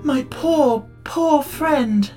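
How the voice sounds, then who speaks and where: A woman voicing a gentle, proud tin man in a storybook reading. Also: mid-range voice, brisk, soft background music, pitched above the performer's own voice, close to an everyday voice. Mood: tender.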